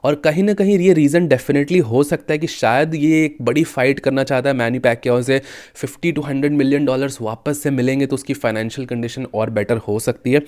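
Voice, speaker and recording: A man's voice: medium pitch, a little mellow. Chatty man talking combat sports. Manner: chatty, often addresses viewers as brothers. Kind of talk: casual commentary to viewers.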